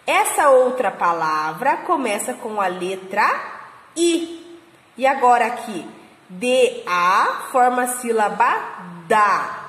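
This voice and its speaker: A Brazilian woman teaching small children to read, spelling syllables slowly and patiently. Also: a little high, animated, fairly bright tone. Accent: Brazilian Portuguese. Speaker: kindergarten teacher. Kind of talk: slow phonics lesson for small children. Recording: echoey room with long reverb.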